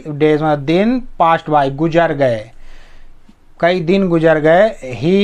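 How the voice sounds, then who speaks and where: A male teacher speaking slowly and deliberately in a slightly high voice, he works through a story line by line. He reads each English phrase at a crawl, then patiently glosses every word, often checking in with a quick "na?". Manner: patient, repeats meanings and asks "na?" to check understanding. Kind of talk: Hindi-language English reading lesson.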